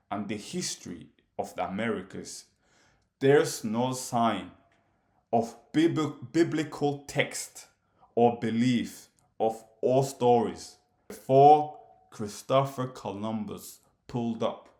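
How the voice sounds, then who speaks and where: Speaking in a medium-pitched, slightly mellow voice, a Somali commentator whose native tongue is Somali delivers a direct-to-camera monologue. He questions and challenges, hammering his points home emphatically. There's noticeable reverb.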